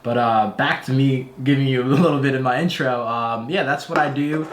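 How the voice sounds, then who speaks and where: A man's voice: medium pitch, steady tone, moderate pace. A man in his twenties, a laid-back podcast guest chatting casually and laughing easily. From United States. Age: 20s. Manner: laughs easily, good-natured. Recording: echoey room.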